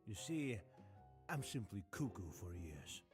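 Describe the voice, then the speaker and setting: A man's voice: on the low side, sing-song, measured pace, soft background music. A man voicing a suave, courteous hotel bartender in a video game who oddly collects ears, speaking in a polite, genteel manner. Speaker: game character.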